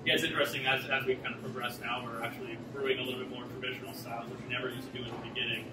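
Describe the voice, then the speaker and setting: Talking rapid-fire in a mid-range voice, a man who works as a brewmaster gives a relaxed, chatty interview loaded with fillers. A camera mic several meters off captures him in an echoey taproom with concrete block walls. Loud music makes it very noisy.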